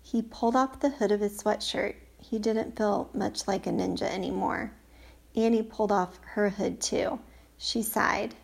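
A woman's voice: medium pitch, steady tone, a little slow, vocal fry, slightly rough. A woman reading a children's storybook aloud, lifting her voice for the characters' lines. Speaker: audiobook reader. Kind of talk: storybook narration.

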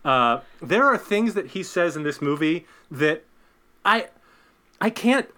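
A young man on a casual podcast picking apart a film with wry, dry humor, often restarting his sentences. His voice sits a bit high with a lively, swooping pitch. His tone is bright and tense. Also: slow pace. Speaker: podcast co-host. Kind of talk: casual movie review chat.

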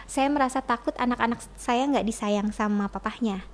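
A woman's voice: fairly high pitch, moderate pace. A middle-aged woman talking candidly as a guest, chatty and often laughing mid-sentence as she tells a personal story.

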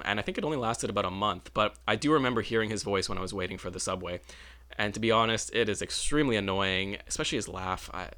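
A man's voice: fairly low pitch, pushed and bright. A man talking in a casual, rambling monologue, often correcting himself and adding wry asides. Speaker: vlogger.

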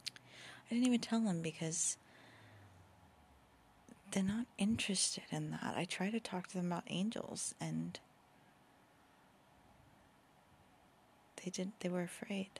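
Woman whispering at night, gravelly fry, lowish voice, yawns, faint ambient hush. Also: moderate pace, pauses often, slight background noise. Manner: whispering softly, yawning often. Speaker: podcast host and author. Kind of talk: whispered late-night podcast talk. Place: home at night with sleeping babies nearby.

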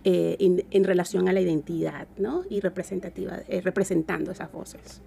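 Woman w venezuelan caribbean spanish accent, creaky low-ish end of phrases, halting, thinking out loud in an interview. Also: steady tone, a little hiss or hum. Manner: halting, searching for words. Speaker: interview guest. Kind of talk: reflective conversational interview talk.

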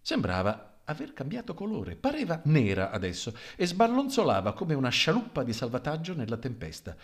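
A man narrating a comic story in an expressive, wry manner. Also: mid-range voice, brisk.

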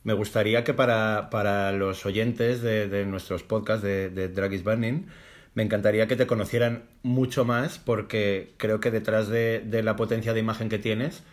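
A man's voice: fairly low pitch, fairly even intonation, normal speed. A young man hosting a podcast, chatting playfully and with enthusiasm. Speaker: podcast host. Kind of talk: casual podcast interview.

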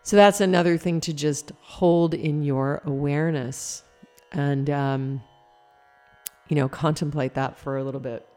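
A woman with an early-morning voice leading a spiritual talk before a guided meditation, meandering and reflective, pausing often with fillers. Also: deep voice, steady tone, mellow, soft background music.

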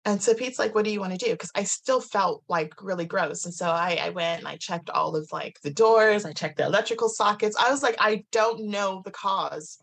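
Gravelly, husky-voiced woman telling a story. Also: mid-range voice, normal speed, hardly any pauses. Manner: animated, many "like"s and restarts, acts out quotes. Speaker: guest. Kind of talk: casual storytelling in conversation.

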